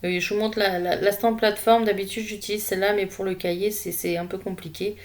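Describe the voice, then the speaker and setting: Woman, craft vlogger, casual unhurried voice-over, hesitant and relaxed. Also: medium pitch. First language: French. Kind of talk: casual voice-over narrating a scrapbooking session.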